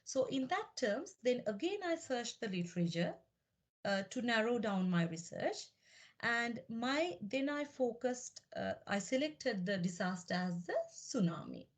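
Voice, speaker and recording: Measured Sri Lankan woman lecturing. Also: a little high, very animated. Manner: measured, explanatory, with frequent fillers and restarts. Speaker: PhD researcher giving a lecture. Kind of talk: academic lecture.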